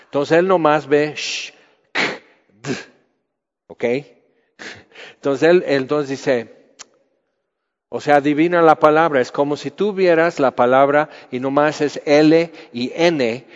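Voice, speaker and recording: A man's voice: on the high side, slow pace, pauses often. A man preaching a Bible teaching, conversational, asking his listeners questions. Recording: muffled sound with long hall reverb.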